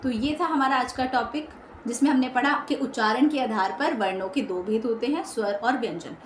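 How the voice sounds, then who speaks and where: A woman's voice: fairly high pitch, normal speed. A woman teaching an online grammar lesson, explaining patiently, checking in with her students often and mixing in English words. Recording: echoey room, faint background hum.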